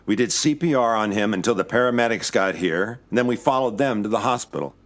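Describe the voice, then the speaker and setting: In a first-person noir-style audio drama, a male actor plays a weary, wry investigator narrating his own case. His fairly low voice is animated and brisk yet subdued in mood, lightly acted, on a dry recording.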